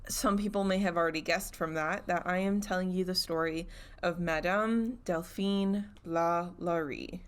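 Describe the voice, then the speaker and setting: Young woman on a podcast, kinda low voice, chatty and giggly, just telling the story casually. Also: steady tone, normal speed, clear, resonant tone.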